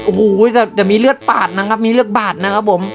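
A man giving excited live gameplay commentary, often exclaiming and repeating words in rapid bursts. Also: high voice, vocal fry, muffled recording. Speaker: game streamer. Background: loud music.

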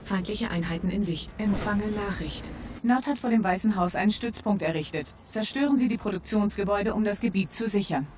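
An actress playing a composed battlefield computer announcer in a video game, measured and formal. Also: female voice, medium pitch, a little mellow, close to an everyday voice. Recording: game battle noise behind.

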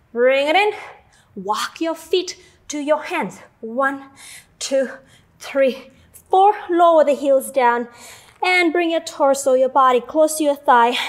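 A woman leading a Pilates mat class, giving short, calm movement cues and counting out the reps. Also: high voice. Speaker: Pilates instructor. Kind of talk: workout class instruction.

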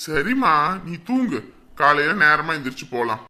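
A firm, reassuring husband. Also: male voice, fairly high pitch, big pitch swings, moderate pace, sharp tone, exaggerated voice. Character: steady village husband calming his wife. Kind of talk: village web-series drama.

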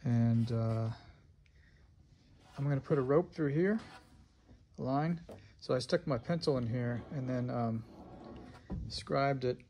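Slow and warm, with long pauses, a medium-pitched middle-aged man narrates his boat project in a big indoor woodworking shop. He thinks out loud with lots of fillers, and the handheld phone recording carries a little hiss or hum.

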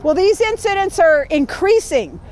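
A woman's voice: extremely high pitch, big pitch swings, moderate pace, darkish tone. A woman leading a community training, reading a guide aloud to a group in a projecting teacher voice and checking in with them.

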